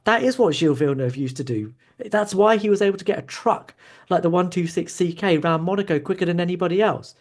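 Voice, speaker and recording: A man hosting a sports debate, calmly building an analytical case and checking for agreement as he goes. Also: sits high, fast talker. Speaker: show host.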